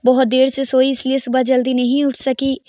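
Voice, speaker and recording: A woman voicing a middle-aged aunt who teases and gently scolds her nephew with affection. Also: high-pitched, completely flat delivery, no echo, clean studio sound, natural voice. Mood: affectionate.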